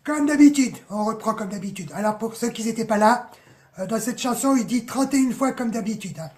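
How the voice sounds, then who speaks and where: Hoarse, mocking French streamer woman, slightly high. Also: brisk, darkish tone. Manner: mocking, chatty, peppered with slang and swearing. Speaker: live streamer analysing song lyrics. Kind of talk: casual live-stream commentary.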